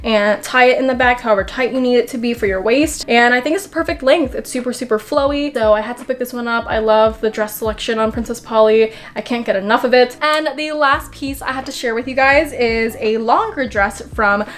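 A young adult woman talks through a clothing haul in a bubbly, gushing way. Her voice sits a little high and stays bright and friendly as she shows each piece to the camera. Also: fairly quick, hardly any pauses. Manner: bubbly and enthusiastic. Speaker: fashion vlogger. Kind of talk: casual try-on haul chat.

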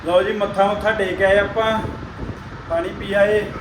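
A woman's voice: medium pitch, steady tone, a little slow, noisy background. A woman with a Punjabi accent, filming a casual family vlog and coaxing and teasing her children with questions.

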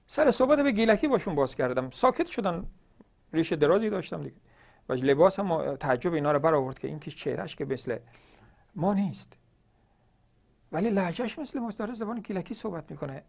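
A man's voice: sits high, gravelly. A man from northern Iran hosting a religious question-and-answer show, arguing emphatically with many rhetorical questions. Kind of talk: televised polemical monologue.

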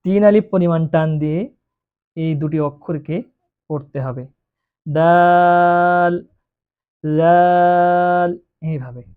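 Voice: medium pitch, moderate pace, long pauses. A Quran reading teacher giving a beginner lesson, patiently drawing out each letter sound to demonstrate it. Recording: tinny phone-like recording.

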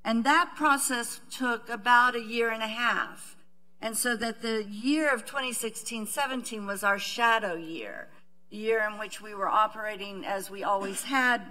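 A middle-aged woman, a university administrator, giving a measured panel presentation with many fillers and restarts, seated at a table in a conference room. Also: fairly high pitch, sharp tone, rough recording.

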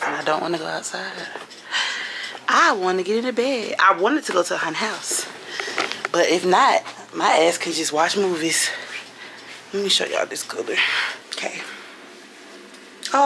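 Young woman vlogging on her phone at home, cussing and irritated, gravelly edge, lots of noise behind. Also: on the low side, animated, moderate pace, pauses often. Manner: profane, exasperated, talks to viewers as y'all. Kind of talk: casual vlog chat.

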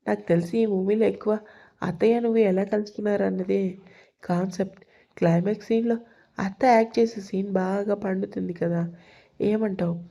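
Lady voicing a cheeky young guy teasing his girl, playful, a bit gravelly. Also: medium pitch, dark tone. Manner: playful, bantering. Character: teasing young man, cheeky son-in-law.

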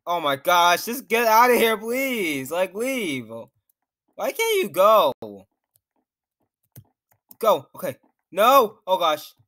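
A man's voice: high voice, very animated, slow, long pauses, pushed and bright. A young man commenting nervously on his own gameplay as a YouTuber, talking to himself and reacting to what happens on screen. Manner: jittery, nervous, talks to himself while playing. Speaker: gaming YouTuber.

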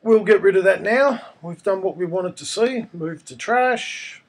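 A man, croaky and hoarse from a cold, narrating a casual step-by-step screencast tutorial. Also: high voice, unhurried. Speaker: tutorial presenter.

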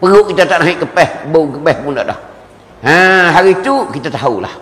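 A man's voice: a little high, expressive, a bit bright. Man preaching in Kelantan-Pattani Malay, echoey hall. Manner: emphatic, repeats words, chants Arabic verses slowly. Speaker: religious teacher. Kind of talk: religious lecture. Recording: echoey hall with long reverb.

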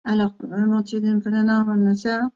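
A woman's voice: medium pitch, completely flat delivery, a little slow, dark tone, dull audio. A woman hosting a live stream as a medium, greeting viewers and reading comments aloud in a scattered way. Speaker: host medium.

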